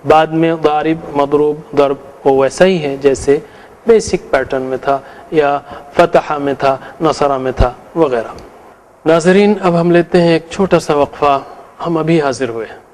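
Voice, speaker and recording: A man's voice: on the high side, a little slow, darkish tone. A middle-aged man teaching Arabic grammar, patiently reciting verb forms and explaining each one. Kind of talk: explanatory lecture.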